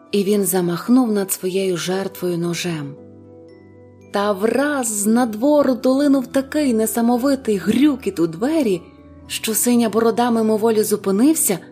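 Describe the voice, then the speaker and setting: A woman narrating a fairy tale in an expressive, dramatic reading. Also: mid-range voice. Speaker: storyteller.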